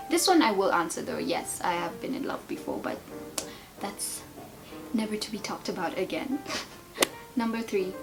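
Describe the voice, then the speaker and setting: A woman in her twenties chatting casually in a tag video, rambling and playful as she answers questions. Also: mid-range voice. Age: 20s. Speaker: beauty and lifestyle vlogger.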